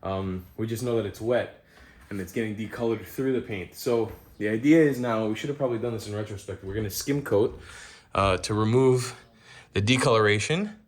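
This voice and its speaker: A young man casually narrating a vlog, explaining repairs and chores. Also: brisk. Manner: loud pitched-up dog commands; relaxed explaining tone. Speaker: vlogger.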